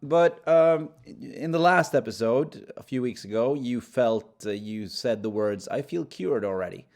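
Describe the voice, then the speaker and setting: A man's voice: mid-range voice, unhurried, darkish tone. A man co-hosting a podcast, chatting casually with dry, teasing wordplay. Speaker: podcast co-host. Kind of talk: casual chat.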